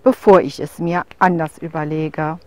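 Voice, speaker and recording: A woman's voice: sits low, fairly even intonation, moderate pace, mellow, natural voice. A woman voicing a huge young male wolf in a storybook tale, blunt and scornful, talking with a growl.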